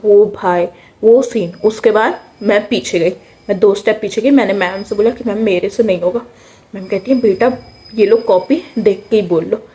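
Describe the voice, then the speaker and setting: A young woman with an Indian accent telling a personal story in a casual, chatty way. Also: fairly high pitch. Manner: chatty, animated, mixes English words into speech. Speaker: vlogger.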